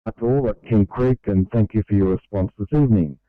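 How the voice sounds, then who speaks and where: A man's voice: on the low side, a little fast, no echo. A man working as an emergency radio operator, talking procedurally over a walkie-talkie. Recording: thin narrow-band two-way radio.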